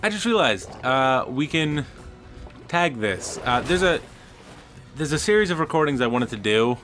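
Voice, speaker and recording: A man's voice: mid-range voice, big pitch swings, normal speed, fairly bright tone, faint music behind. Chatty man riffing over a video game. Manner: chatty, opinionated, swears casually. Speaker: co-host playing a video game. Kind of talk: casual gameplay chat.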